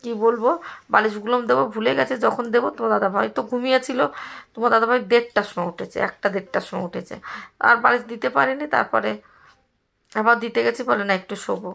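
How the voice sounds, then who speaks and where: A hoarse middle-aged woman from Bengal, chatting to her viewers in a rambling, complaining way while she does housework. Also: fairly high pitch, fairly even intonation, fast, fairly bright tone. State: hoarse from a cold. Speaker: vlogger. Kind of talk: casual chat to viewers while doing chores.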